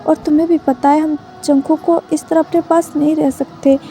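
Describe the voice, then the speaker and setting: Woman reading a gentle reassuring father. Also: high voice, level tone, moderate pace, slight background noise. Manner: gentle, soothing. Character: calm, reassuring husband and father. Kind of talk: storybook read-aloud.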